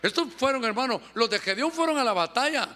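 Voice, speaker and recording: A man preaching a sermon, exhorting his congregation fervently and acting out church members in quick asides. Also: very high-pitched, lively intonation, bright, forceful tone, slight background noise. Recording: long hall reverb.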